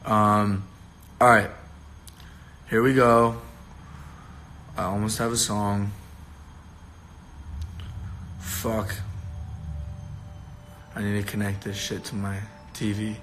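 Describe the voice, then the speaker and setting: A young man hosting a casual livestream, tired and rough-voiced, rambling loosely and swearing casually. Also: lowish voice, flat delivery, takes it slowly, pauses often, a bit bright, soft background music. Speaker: livestream host. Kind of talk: casual live-stream chat.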